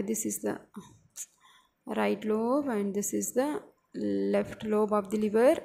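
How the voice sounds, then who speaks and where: A woman's voice: on the high side, creaky, dark tone. A woman teaching anatomy in a screen-recorded lecture, explaining each point and checking in with "okay" and "isn't it". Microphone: screen-recorder microphone.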